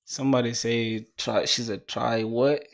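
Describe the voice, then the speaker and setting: A man's voice: mid-range voice, fairly even intonation, unhurried, vocal fry. A man in his twenties chatting casually on a coding livestream, laid-back and slangy, reading viewer comments aloud. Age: 20s. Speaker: streamer.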